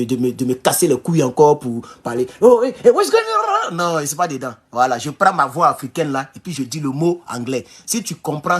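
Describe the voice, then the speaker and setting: A man from Burkina Faso with a Burkinabè French accent, giving an animated political commentary vlog and exhorting his listeners as comrades. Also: a little high, husky.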